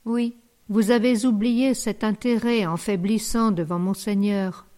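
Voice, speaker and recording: A woman's voice: medium pitch, fairly even intonation, a little slow, dark tone, close to an everyday voice. A woman reading the part of a young male curate, earnest and grave in tone.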